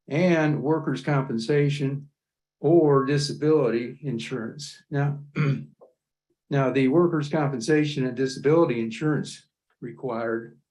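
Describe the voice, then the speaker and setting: A man making a public comment at a county meeting, halting and repeating words as he builds his point. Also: medium pitch, a little mellow, poor audio.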